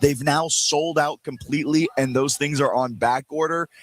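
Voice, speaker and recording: A man hosting a sports talk radio show, chatting casually in a playful, animated way, with quick asides and jokes. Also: on the high side, rough recording. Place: radio show booth at a live event.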